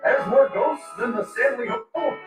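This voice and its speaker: A man voicing a wisecracking, sarcastic announcer in a pinball game trailer, shouting callouts between jokey narration. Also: very high-pitched, a little slow, recorded from a distance. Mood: mocking. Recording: roomy game-trailer audio from off-mic, with music.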